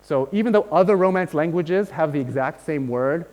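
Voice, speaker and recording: A man's voice: on the high side, lively intonation, normal speed, a little mellow. A male linguistics lecturer giving a university lecture, explaining patiently and checking in with his students. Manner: explains patiently, checks in often with "right?" and "okay?". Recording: long hall reverb.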